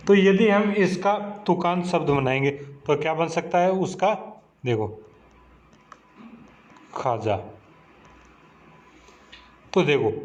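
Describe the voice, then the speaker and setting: A man teaching a lesson to children, asking questions and answering them himself in a patient, repetitive way. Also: fairly high pitch. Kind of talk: slow classroom explanation to children. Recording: dull lo-fi recording.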